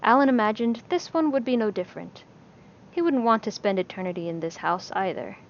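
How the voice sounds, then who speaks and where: A woman narrating a fantasy story in a measured, steady storytelling voice. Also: mid-range voice, a little hiss or hum. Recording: slightly dull lo-fi recording.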